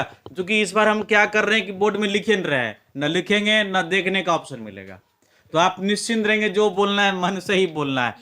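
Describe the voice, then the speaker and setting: In class, a physics teacher with a Bihari Hindi accent gets his students to repeat terms aloud as he walks through a hands-on demonstration. His voice is high-pitched, bright, and forceful.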